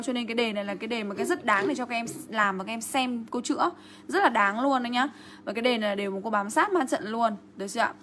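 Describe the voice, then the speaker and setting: Young teacher lady with going thru test answers, keeps asking "got it?", slight background hiss. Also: on the high side. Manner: lively, checks in constantly with rhetorical questions. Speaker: English teacher. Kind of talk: exam answer walkthrough lesson.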